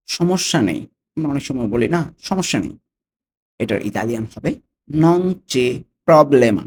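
Lively Bangladeshi man teaching phrases. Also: mid-range voice, breathy edge. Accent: Bangladeshi Bengali. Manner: repeats each phrase slowly, checks in with "okay?". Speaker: language teacher. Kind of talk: phrase-by-phrase language lesson.

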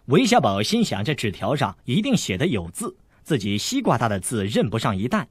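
A man's voice: medium pitch, wildly swooping pitch, brisk, breathy edge, no echo. A man reading a martial-arts novel aloud as an audiobook, telling the story expressively. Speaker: audiobook narrator.

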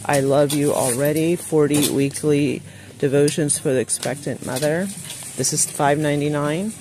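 In a casual shop-with-me video, a woman with a low, steady voice at a moderate pace chats to viewers, calling them "you guys" and reading out prices as she browses a large indoor retail store. She's a shopping vlogger filming off camera on a handheld phone, and the audio picks up clear store noise.

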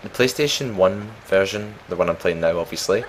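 A young man talks through a game he is playing, chatty and meandering, often laughing at his own mistakes. His voice sits low, and his relaxed home-recorded commentary carries a faint hiss underneath. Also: fairly quick. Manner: chatty, rambling, self-mocking. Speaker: let's play gamer. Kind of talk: casual gameplay commentary.

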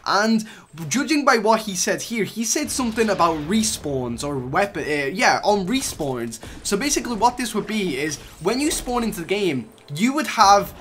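Young man, high voice, gaming news chat, rambling, lots of fillers. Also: big pitch swings, moderate pace, a bit bright, slight background noise. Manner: rambling, chatty, frequent restarts and fillers. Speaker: gaming YouTuber. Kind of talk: casual game news commentary.

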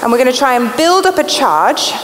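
A woman's voice: high-pitched, sing-song, fairly quick. A woman presenting a live science demonstration on stage, explaining things step by step in an instructive way. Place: large indoor theatre stage. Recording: reverberant theatre with background noise.

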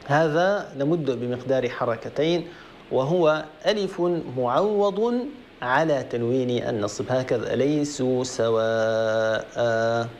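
A man hosting a call-in Quran recitation lesson, explaining rules methodically and slowly chanting verses to show them. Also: mid-range voice, expressive, a little mellow, slight background noise. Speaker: Quran recitation teacher and program host. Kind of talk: tajweed lesson on a call-in broadcast.

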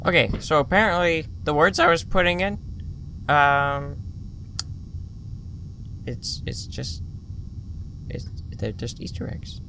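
A man giving casual, jumpy commentary while playing a horror game, mumbling, swearing, and shouting at the game. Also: on the high side, animated, slow, vocal fry, long pauses. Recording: loud background noise.

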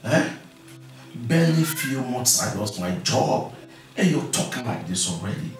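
A man's voice: medium pitch, lively intonation, unhurried, close to an everyday voice. An actor with a Nigerian accent playing a jobless husband who argues with his wife in a film. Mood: arguing. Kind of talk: Nollywood film dialogue. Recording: echoey room from far off with music.

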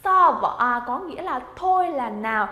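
A woman's voice: sits high, animated, moderate pace, bright, forceful tone. A woman teaching Japanese vocabulary, encouraging her students and drilling words aloud for them to repeat. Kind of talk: language lesson. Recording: echoey room with long reverb.

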